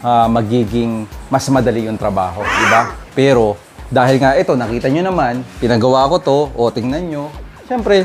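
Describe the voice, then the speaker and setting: A man, a dog breeder chatting casually to viewers at his home kennel, often calling out "guys" and pointing things out. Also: mid-range voice. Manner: chatty, addresses viewers directly, frequent "guys" and "oh". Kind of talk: casual vlog talk to viewers. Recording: music bed under voice. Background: music playing.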